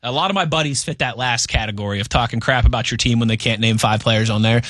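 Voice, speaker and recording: A man's voice: medium pitch, fast, fairly bright tone, no room sound, studio quality. A young man co-hosting a sports talk radio show, chatty and easygoing, reading out listener questions and laughing along.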